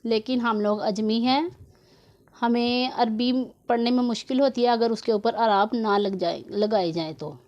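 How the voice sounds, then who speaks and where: A woman's voice: on the high side, a little mellow, muffled recording. A woman teaching Quran reading in a recited lesson, sounding out each syllable distinctly and measuredly.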